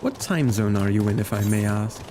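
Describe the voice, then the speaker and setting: This live game streamer from Belgium has a fairly low, warm voice with lively intonation and normal speed. Chatty and casual, he greets viewers by name in English, which he learned from video games as a second language. Slight background noise can be heard.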